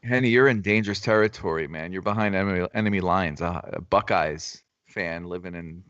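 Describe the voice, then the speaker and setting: A man's voice: low voice, a little fast, fairly bright tone, no room sound, lo-fi sound. A man hosting a casual trading livestream, teasing his co-hosts and swearing freely. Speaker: stock trading stream host. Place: home, in Florida.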